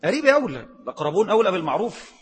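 A man with an Egyptian Arabic accent delivers a quick-paced, emphatic sermon. He has a high, slightly husky voice and keeps pressing the listener with rhetorical questions. His voice rings out with a long reverb, as in a large hall. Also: sing-song. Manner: mixes formal recitation with colloquial asides. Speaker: preacher.

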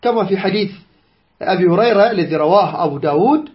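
A man teaching a lesson on jurisprudence, explaining a text unhurriedly, repeating key phrases and pausing with drawn-out "aah" sounds. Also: sits high, expressive, lo-fi sound.

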